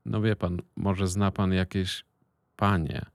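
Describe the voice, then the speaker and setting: A man reads a shame-faced, sleazy older man in an audiobook. The voice is low and gravelly, and he coaxes in a hesitant, wheedling way. The recording is dry and close. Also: takes it slowly, no echo, exaggerated voice. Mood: embarrassed.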